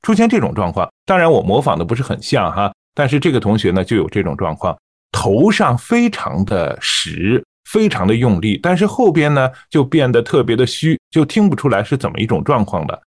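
Calm male reading coach, dry studio voice. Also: mid-range voice, slightly rough, dry recording. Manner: calm, measured explaining with light fillers. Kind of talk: teaching on-air reading technique.

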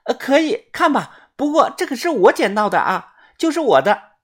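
A chirpy young woman, thrilled at every small find, played by a woman reading aloud. Her voice sits up high and bounces with excitement. There is a soft, breathy quality to it. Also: moderate pace, full character voice. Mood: excited. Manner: bright and chirpy. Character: cheerful greedy young woman.

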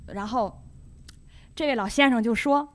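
A woman, telling a personal story as a guest on a talk show in a chatty, animated way. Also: fairly high pitch, moderate pace. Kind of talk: casual storytelling chat.

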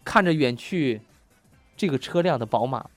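A man's voice: medium pitch, animated, normal speed, no room sound, faint music behind. A man hosts a comic radio show, reading jokes and laughing at his own punchlines. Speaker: radio host.

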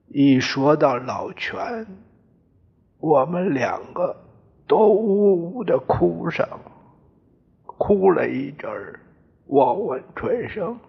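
Male audiobook narrator, first person, very slow pace, fairly high voice. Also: big pitch swings, creaky, slightly rough. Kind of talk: first-person novel reading. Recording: dull lo-fi recording.

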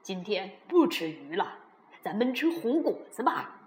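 A woman voicing a lonely tyrannosaurus in a children's story, speaking slowly and gently. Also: medium pitch, big pitch swings. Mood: gentle. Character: lonely gruff tyrannosaurus uncle.

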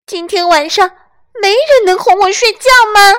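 A woman's voice: moderate pace, fairly bright tone. A woman voicing a small, whiny boy lamb who wails and complains, in a storybook reading. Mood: wailing. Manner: shrill, wailing, complaining.

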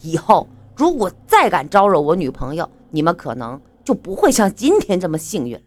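A woman's voice: on the low side, sing-song, moderate pace. A woman voicing a brash young man in a spoken story, warning others in a firm, threatening way. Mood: scolding.

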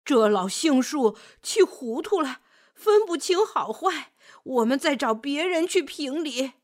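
Timid storybook scholar, flustered, a bit high, voiced by a woman. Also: very animated, a little slow, husky, heavily acted. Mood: hurried. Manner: flustered, stammering. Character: kind timid old-fashioned male scholar.

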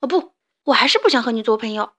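Woman doing a tiny storybook mouse, shrill, indignant, high-pitched. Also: lively intonation, fast, sharp tone. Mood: stubborn. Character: tiny timid male mouse.

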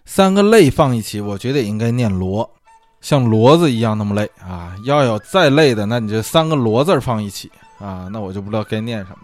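A man's voice: on the low side, animated, brisk, a little mellow, soft background music. A man hosting a casual solo talk show, musing aloud in a chatty way with many fillers. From China. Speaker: podcast host. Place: lives abroad.

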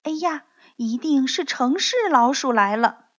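A woman's voice: high-pitched, a little slow, voice pushed up. A woman doing a cheerful little country mouse. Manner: bright, eager, welcoming. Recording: dull lo-fi recording.

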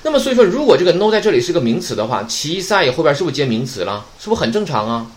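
Male language teacher, slightly high voice, very animated pitch, keeps asking "right?" while explaining grammar. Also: racing. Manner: asks rhetorical questions, frequent "对吧" checks.

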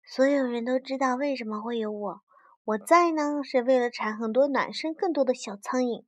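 A tiny storybook fly speaks in a thin, soft little voice, as a woman acts it out. It sits close and dry, pitched a little high. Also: normal speed, no echo, lightly acted. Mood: smug. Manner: thin, soft, matter-of-fact.

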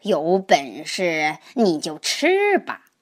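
A woman voicing a wise old male grandpa toad in a children's storybook, speaking slowly. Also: expressive, darkish tone. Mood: calm. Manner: slow, low, drawn-out speech.

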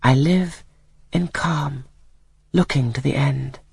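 A reader voicing a gentle, earnest schoolgirl. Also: mid-range voice, takes it slowly, gravelly, breathy edge, no room sound, exaggerated voice. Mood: serene earnest. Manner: calm, earnest, softly solemn. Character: gentle, pious, thoughtful schoolgirl. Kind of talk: scripted audiobook reading.

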